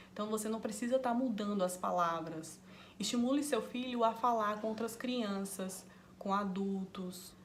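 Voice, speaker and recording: A woman with a Brazilian Portuguese accent, hosting a parenting channel and calmly explaining tips to parents straight to camera. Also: medium pitch, a little hiss or hum. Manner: calm, directly advising parents.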